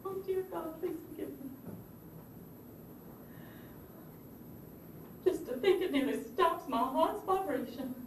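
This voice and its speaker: Delivering a stage play monologue, an actress portrays the proud Southern First Lady of the Confederacy, a wounded and indignant mother, in a high, expressive voice at normal speed. Her anguished pleading is theatrical, genteel and emphatic, turning from anguish to haughty scorn. She is recorded from far off in a roomy theatre with hiss.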